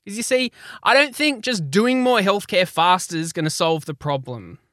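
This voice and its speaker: A man's voice: high voice, animated, normal speed, sharp tone, dry recording, studio quality. A man hosting a podcast in a chatty, informal, chummy way. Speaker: podcast host.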